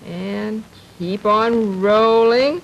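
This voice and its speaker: A woman heard in an old 1950s TV broadcast, with a faint hiss under her voice. She hosts a children's show, talking slowly and gently and coaxing young viewers with one question after another. Her pitch sits in an ordinary middle range. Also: gravelly, highs cut off. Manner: slow, coaxing, asks many questions of the viewer. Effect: 1950s TV broadcast sound. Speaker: children's TV host.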